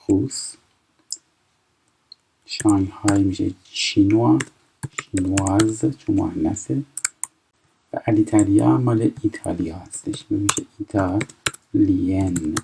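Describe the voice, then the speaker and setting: A man in his twenties from Iran teaching a recorded French lesson, explaining step by step and reading French phrases slowly before translating them. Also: fairly low pitch, gravelly, dark tone, a little hiss or hum, rough recording. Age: 20s.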